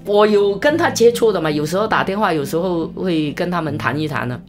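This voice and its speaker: A woman evangelist speaks in a lowish voice that leaps up high whenever the story gets tense, repeating her phrases as she goes. She talks to an interviewer in a relaxed conversational way. Soft music plays faintly under her voice. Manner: animated, with big pitch swings and quick, repeated phrases.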